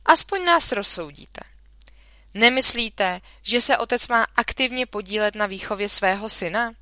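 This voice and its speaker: A woman's voice: mid-range voice, expressive, sharp tone, no room sound, voice pushed up. A woman reading a children's story aloud, voicing an indignant, scolding mother in a dry room. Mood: appealing.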